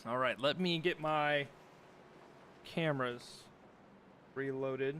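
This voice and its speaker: A young man calling a sim racing broadcast, excitable and quick to laugh during close battles. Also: medium pitch, a little hiss or hum. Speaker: race commentator.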